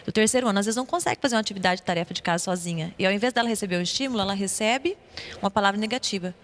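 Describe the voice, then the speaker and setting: A Brazilian woman, an educator co-hosting a church podcast, telling a story in a lively way and acting out what people said. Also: medium pitch, rapid-fire, big-room sound. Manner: animated storyteller who acts out quotes. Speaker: school educator and podcast co-host. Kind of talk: casual podcast conversation.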